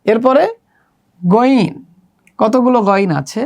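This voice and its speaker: A woman's voice: fairly high pitch, a little mellow. A woman with a Bangladeshi accent teaching children Arabic letters step by step, stretching and repeating each sound. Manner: slow, drawn-out pronunciation drills, repeating letters. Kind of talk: step-by-step lesson.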